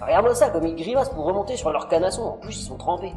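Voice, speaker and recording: Female storyteller, played by a woman, lively intonation, scolding yet sympathetic, vivid fantasy narration, faint music. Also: on the low side, rapid-fire, natural voice. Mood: reproachful, vivid. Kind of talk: dramatic scripted narration. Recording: music under the voice.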